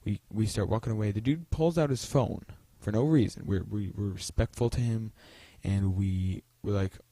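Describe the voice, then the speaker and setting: A man's voice: lowish voice, moderate pace, warm tone, no room sound. A young man telling a story in a casual vlog, rambling with many fillers and restarts. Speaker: vlogger.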